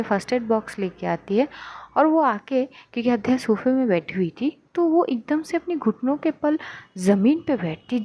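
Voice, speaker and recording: A woman's voice: on the high side, muffled recording. A woman narrating a story in a casual, chatty way. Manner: chatty, conversational retelling.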